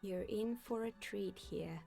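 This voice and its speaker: An older woman in a video game who loves to tell local gossip. Her voice is gravelly and breathy, at a middling pitch, and she delivers her stories with dry, wry humor. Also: unhurried, dark tone, soft background music. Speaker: game character.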